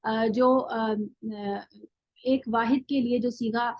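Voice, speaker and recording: A woman's voice: a little high, steady tone, takes it slowly, dry recording, highs cut off. A woman teaching Arabic grammar in a classroom lecture, explaining step by step, checking in with her listeners and drilling word forms one by one; her first language is Urdu. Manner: explains step by step, often checks with "thik hai".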